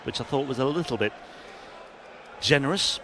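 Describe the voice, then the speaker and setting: A man's voice: mid-range voice, expressive, moderate pace, a loud crowd. A man giving live darts commentary as the lead commentator. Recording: clear venue noise behind the commentary.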